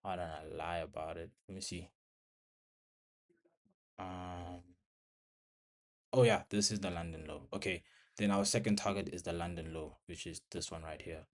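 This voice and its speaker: A young man with a low voice narrates his live trade to viewers, speaking in clipped, broken phrases. He sounds a little out of breath and talks casually, as if from his bedroom at home. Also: steady tone, measured pace, pauses often. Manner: talks to viewers while watching the screen, in short broken phrases. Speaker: trading vlogger.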